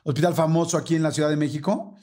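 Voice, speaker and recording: A Mexican man in his forties hosts a relaxed podcast chat. His voice sits a little higher than most men's. He tells an anecdote with gusto and slips into quoted voices as he goes. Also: racing. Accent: Mexican Spanish. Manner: animated, acts out dialogue in quoted voices. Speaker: podcast host. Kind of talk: casual storytelling chat.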